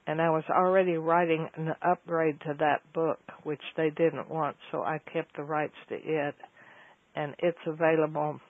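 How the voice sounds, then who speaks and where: A man's voice: a little high, steady tone, normal speed, dry recording. A man explaining things at length on a phone call, rambling with fillers and correcting himself as he goes. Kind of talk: casual explanatory talk. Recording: tinny phone line.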